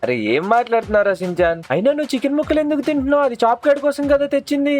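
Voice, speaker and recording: A fussy cartoon uncle who scolds the kids, played by a man. He talks fast in a raised, high voice. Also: darkish tone, slight background noise. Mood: scolding. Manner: scolding, flustered. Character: excitable fussy uncle looking after kids. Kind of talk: cartoon dub of a game.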